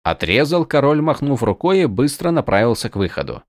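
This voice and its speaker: A man narrating an audiobook in an even, measured reading. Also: mid-range voice, no room sound, studio quality. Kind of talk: scripted narration.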